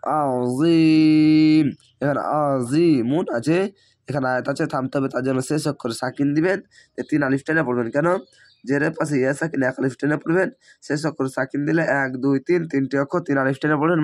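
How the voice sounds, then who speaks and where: A hoarse man teaching Quran reading, spelling out letters and vowel marks syllable by syllable in a patient lesson. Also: mid-range voice, steady tone, fast.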